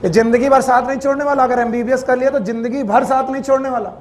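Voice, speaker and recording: A man's voice: very high-pitched, fairly even intonation, fast talker, a little hiss or hum. A man teaching biology to a class in Hindi with a Purvanchal accent, quizzing students and scolding them, dropping in English terms. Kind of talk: classroom lecture.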